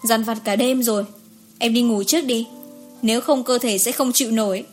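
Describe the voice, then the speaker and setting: A woman voicing a calm, patient young husband in an audiobook story. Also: fairly high pitch, normal speed, soft background music, lightly acted. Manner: calm, gentle.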